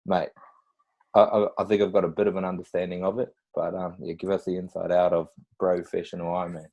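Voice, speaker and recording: A man's voice: low voice, little pitch movement, fast talker, vocal fry, a little mellow. A man with a New Zealand accent hosting a casual interview, asking informal, rambling questions in a matey way. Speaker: podcast host, interviewer. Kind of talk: casual chat.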